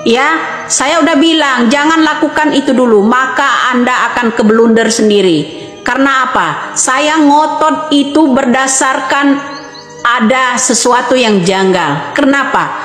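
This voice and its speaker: A woman's voice: high-pitched, a little slow, fairly bright tone, soft background music. A woman in her fifties giving an impassioned monologue, insistently repeating rhetorical questions. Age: 50s. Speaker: online commentator. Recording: echoey reverberant room.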